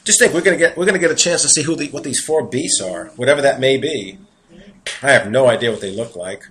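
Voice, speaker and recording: Earnest New York preacher reading scripture. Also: male voice, mid-range voice, animated, fast talker, a bit bright, rough recording. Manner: earnest, conversational asides between read verses. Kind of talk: sermon reading and explaining scripture.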